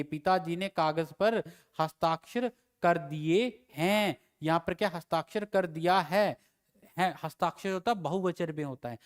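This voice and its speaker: A man teaching Hindi grammar in an exam-prep lecture. He repeats each example slowly and then gives the corrected sentence. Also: on the high side, a bit bright, smooth. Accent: Himachali Hindi.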